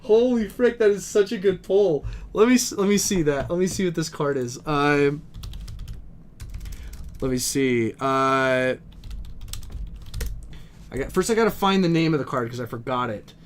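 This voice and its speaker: A young man with a slightly high voice streams pack openings from a game store, reading each card name aloud and talking to his viewers. He gets excited easily, and his desk mic picks up a faint hum of store ambience. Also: unhurried, pauses often. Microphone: desk microphone.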